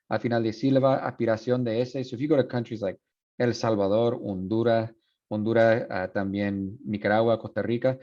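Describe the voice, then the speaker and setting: A man's voice: mid-range voice, mellow, highs cut off. A man teaching a university Spanish linguistics class, switching between Spanish and English, with many fillers and restarts. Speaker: Spanish professor. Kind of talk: university lecture.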